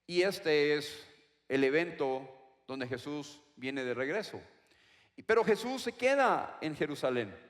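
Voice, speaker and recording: A man preaching a sermon, slowly repeating and stressing key words. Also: on the high side, animated. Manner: slow, emphatic repetition of key words. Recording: long reverb of a large hall.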